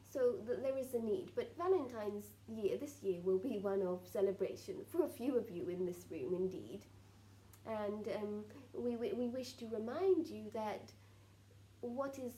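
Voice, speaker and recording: A woman speaking as a seance medium in trance, giving solemn spiritual guidance in halting, repetitive, formally archaic phrases. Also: mid-range voice, dark tone, a little hiss or hum, low-quality recording. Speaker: trance channeller answering questions as a spirit collective.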